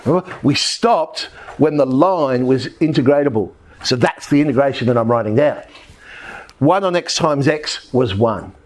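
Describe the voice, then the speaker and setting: A man's voice: mid-range voice, expressive, normal speed, darkish tone. A man teaching a maths lesson, working through examples step by step and thinking aloud as he writes. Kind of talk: recorded maths lesson at a board.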